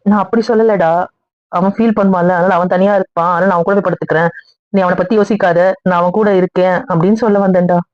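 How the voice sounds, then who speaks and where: Performer voicing a flustered young brother, quick, flat delivery; lo-fi audio drama. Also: medium pitch, no room sound, natural voice. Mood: pleading. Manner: flustered, pleading. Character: young man, brother and friend, fumbling excuses. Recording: dull lo-fi dry recording.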